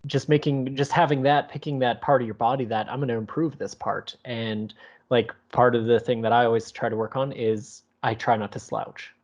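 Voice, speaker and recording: A man's voice: mid-range voice, fairly even intonation, moderate pace. A man co-hosting a podcast in casual chat, rambling with many restarts and some teasing. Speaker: podcast co-host. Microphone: remote call setup.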